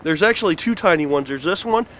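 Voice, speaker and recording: A man's voice: on the high side, animated, quick pace, a bit bright. A man hosting a casual walking tour of an outdoor construction site, talking enthusiastically with lots of fillers. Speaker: fan site video host.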